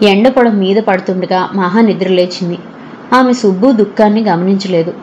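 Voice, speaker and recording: A woman's voice: medium pitch, normal speed, darkish tone, muffled recording, a little hiss or hum. Woman narrating an audio novel. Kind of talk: scripted narration.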